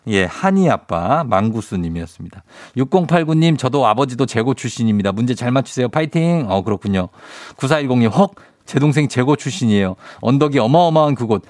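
A man's voice: mid-range voice, a little mellow, no room sound, studio quality. A man hosting a live radio phone-in quiz, bantering informally and teasingly and often repeating himself. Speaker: radio quiz show host. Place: radio studio. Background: faint music.

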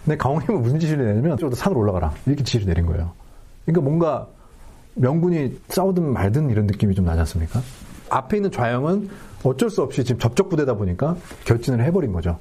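A man, a history researcher, explaining informally as an expert guest with a husky voice. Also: medium pitch, big pitch swings, quick pace, mellow.

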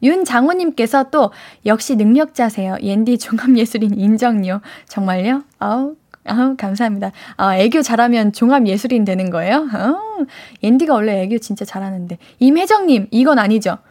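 On a live radio show, a woman reads out listener messages playfully and teasingly, sometimes lapsing into cute baby-talk. Her slightly high voice is warm and expressive at a normal speed, captured on a studio microphone in a radio studio.

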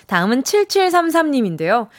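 A woman's voice: high voice, very animated, a little fast. A young woman hosting a radio show, reading listener messages in a chatty, encouraging way and acting out quoted lines.

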